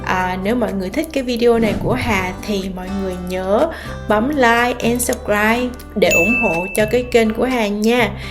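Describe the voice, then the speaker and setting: A woman's voice: fairly high pitch, fairly quick. A woman vlogger giving a casual, chatty introduction with many filler sounds. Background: guitar music.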